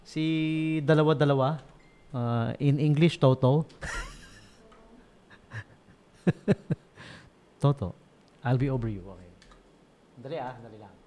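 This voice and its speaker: A man's voice: mid-range voice, slow, pauses often, darkish tone. A man with a Filipino accent, a radio DJ telling jokes on a late-night show in a studio and signing off, switching between Tagalog and English and laughing at his own jokes. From Philippines.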